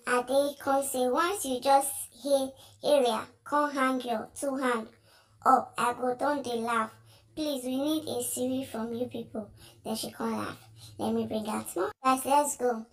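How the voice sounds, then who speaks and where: A woman's voice: on the high side, vocal fry. A woman with a Nigerian accent giving chatty commentary on social media videos, reading out comments and laughing often. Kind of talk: casual commentary in Pidgin.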